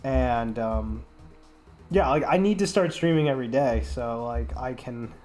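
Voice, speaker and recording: A man's voice: mid-range voice, unhurried, a little mellow. Young male streamer, sick, rambling profane chat over faint background music. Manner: rambling, heavy filler words, profane. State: sick, congested.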